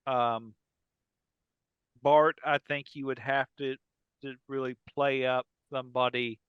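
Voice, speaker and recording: In a slow, flat, medium-pitched delivery, this man hosts a podcast and banters loosely with his fellow panelists. The recording is clean and free of room sound, though the highs are cut off.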